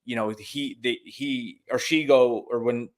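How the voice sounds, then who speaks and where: A man's voice: mid-range voice, steady tone, a little slow. A man hosting a live TV review, thinking aloud tentatively in casual chat.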